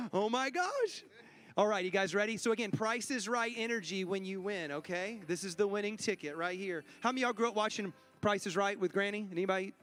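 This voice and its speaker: A man's voice: high-pitched, fairly quick, fairly bright tone. A man, a pastor joking playfully with his congregation while he runs a raffle from the church stage. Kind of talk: church service announcements and raffle.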